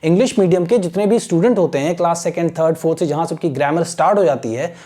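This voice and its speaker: Mellow-voiced male teacher. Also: fairly high pitch, quick pace. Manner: patient, repeats a checking tag after nearly every sentence. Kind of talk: classroom lesson, slowly reading English aloud.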